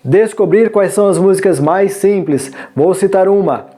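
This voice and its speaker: A man teaching forró dance, explaining musical phrasing in a measured, explanatory way. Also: high-pitched, warm tone. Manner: measured, explanatory, sings short lyric lines to demonstrate counting. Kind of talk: instructional video lesson.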